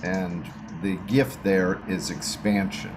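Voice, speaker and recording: A man with a lowish voice explains a chart in a slow, measured way. He speaks very unhurriedly, pausing between phrases. There is a clear hiss of background noise. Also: steady tone. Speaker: gene keys reader. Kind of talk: explanatory reading session.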